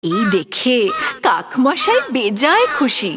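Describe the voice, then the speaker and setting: Woman narrator for kids' animated stories, lively and fairly high. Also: slow pace, noisy background. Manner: expressive, addresses the young listener. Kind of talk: storybook narration for children.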